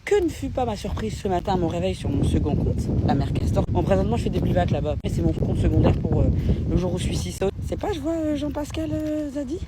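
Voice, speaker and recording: A woman's voice: on the low side, lively intonation, fast, very noisy. A woman content creator giving impassioned, militant commentary to her viewers. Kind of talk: commentary vlog.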